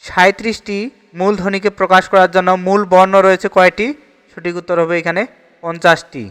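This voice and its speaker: A man's voice: high-pitched, level tone, brisk, fairly bright tone, clear, resonant tone, long reverb tail. A man with a Bangladeshi Bengali accent teaching an exam-prep grammar lesson, steadily reading each question and repeating the answer.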